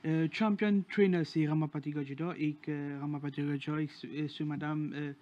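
A man's voice: on the high side, steady tone, a little fast, highs cut off. A man co-hosting a racing show, reading out award winners with many hesitations. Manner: hesitant, many fillers while reading a list. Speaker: horse racing show co-host.

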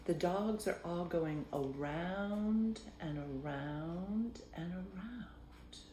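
Older woman, grandmother type, reading a picture book to a child. Low-pitched, mellow, unhurried, playful, with whispered asides. Echoey home room. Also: slight background noise. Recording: roomy echo.

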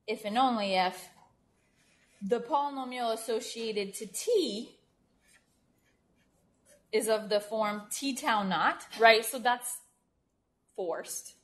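Woman lecturing, casual and self-correcting. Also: mid-range voice. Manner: informal, checks in with "right?", self-correcting. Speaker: mathematics lecturer. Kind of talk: university lecture at a board. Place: lecture room.

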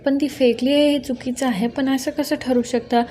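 A woman voicing a sharp young wife who argues back like a lawyer. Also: high-pitched, steady tone, normal speed, a little hiss or hum, lightly acted. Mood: scolding. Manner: scolding, argumentative.

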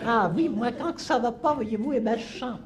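A man's voice: normal speed, a crowd in the background. An actor playing a cantankerous, chatty old countrywoman, rambling and scolding in a live comedy sketch. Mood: comforting. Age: over 70. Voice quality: shrill, quavering, cackling. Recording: live stage with audience laughter and noise.

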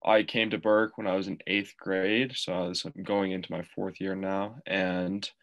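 Brief: teen boy from New Hampshire, very deep voice, video-call panelist. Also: level tone, normal speed, creaky, a bit bright. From New Hampshire, USA. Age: teens. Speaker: student panelist.

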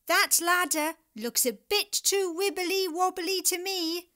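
A woman's voice: very high voice, slow, bright, forceful tone, pitched above the performer's own voice, heavily acted. A woman voicing an eager, helpful toy bear in a children's story. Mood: worried.

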